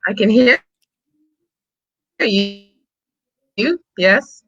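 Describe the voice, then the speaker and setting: A woman's voice: medium pitch, lively intonation, very slow, fairly bright tone. A woman joining a stream as a guest over choppy, breaking-up online call audio, asking briefly whether she can be heard. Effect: glitchy, breaking-up online call audio. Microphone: video call. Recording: dull lo-fi call line.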